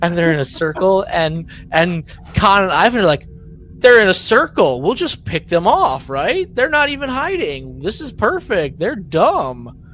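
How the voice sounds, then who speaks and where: A male podcast co-host with a high, sing-song, slightly bright voice talks a little slowly through a casual, animated recap, with slight background noise. He's emphatic, repeating himself for effect and acting out mock quotes.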